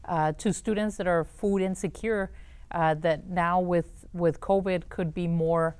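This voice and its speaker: A woman hosting a talk show, interviewing in a conversational way with hesitant, halting phrasing. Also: lowish voice, steady tone, a little mellow, smooth, dry recording.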